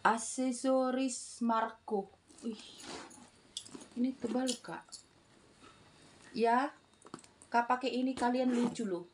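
Lady selling stuff live, kinda slow, repeats items and prices, some noise in the room. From Indonesia. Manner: repetitive sales pitch, calling out items and prices. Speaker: online seller of secondhand bags. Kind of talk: casual live-selling patter. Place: small room indoors.

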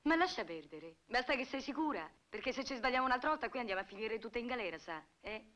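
An actress playing a brisk, bossy young maid, hurried and commanding, on dull lo-fi old film audio. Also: female voice, a little high, lively intonation, fairly bright tone. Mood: urgent.

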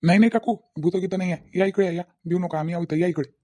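A performer voicing a young man whose car was robbed, in a comedy cartoon. He talks quickly and in a reassuring way. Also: mid-range voice, fairly even intonation, warm tone, close to an everyday voice.

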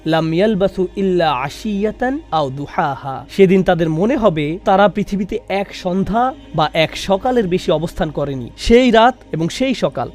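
A man's voice: high voice, a little mellow. A man voicing a religious lecture in translation, reciting verses and asking rhetorical questions. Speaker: Bengali voice-over of a Quran lecture.

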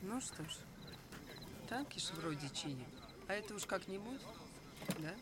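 An actress playing a confident young army engineer in a war film, polite and lightly teasing. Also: female voice, lowish voice, expressive, normal speed, heavy background noise, lightly acted. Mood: composed. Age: young adult. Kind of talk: naturalistic war film acting.

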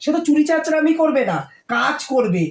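A woman playing a strict middle-aged mother who nags and scolds her daughter, hoarse from a cold, with a Kolkata Bengali accent. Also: sits high, expressive, brisk, noisy background. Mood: scolding. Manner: scolding, nagging, raised voice. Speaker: mother in a short family skit. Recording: echoey room, voice from far off.

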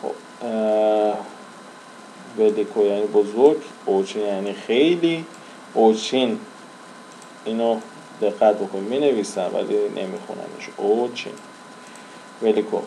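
A man's voice: lowish voice, vocal fry, long pauses, mellow, a little hiss or hum, rough recording. A man teaching a language lesson in casual Persian-language style, repeating and drawling example words as he writes.

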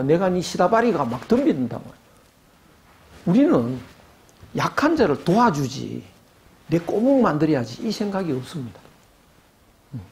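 Lively older man lecturing. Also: a little high. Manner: animated, acts out quoted voices, asks rhetorical questions. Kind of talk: academic lecture.

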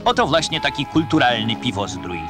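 A man's voice: medium pitch, big pitch swings, a little fast. A man in his forties narrating an old newsreel in a wry, ironic voice-over. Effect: old newsreel soundtrack. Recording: loud music under old newsreel narration.

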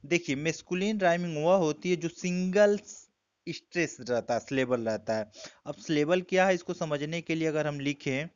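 A man with an Indian accent teaching an exam-prep lesson, explaining step by step and reading quoted lines slowly. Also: a little high, animated, clean tone, no room sound, dull audio.

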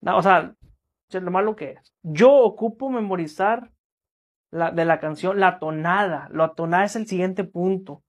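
A young man with a Mexican accent talks through quick comedic sketches for his followers. He is loose and slangy and jokes with the viewer. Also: high voice. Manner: slangy, joking, mock voices in quotes. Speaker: vlogger and musician.

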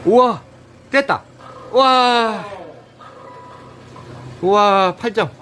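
A man's voice: high voice, extremely slow, sharp tone. A man instructing and cheering people on during a video game, with short repeated calls and a lot of laughter. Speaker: activity instructor.

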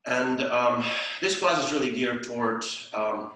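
This older Estonian man's voice is mid-range, bright, and forceful, and he takes his time as he teaches ballet at home. He counts in rhythm and sings the beat aloud. A camera at a distance records him in an echoey room with tiled flooring.

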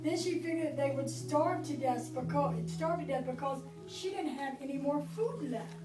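A middle-aged woman, her voice high-pitched and at normal speed, reads a Bible story to preschoolers in a church classroom while prompting them to join in. Loud music plays behind her voice, and the recording from a far camera is echoey and distant.

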